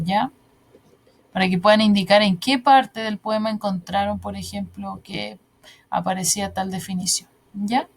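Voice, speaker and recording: Female teacher, higher-pitched voice, patient and step-by-step, online class review. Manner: patient, explanatory, frequent "¿ya?" checks.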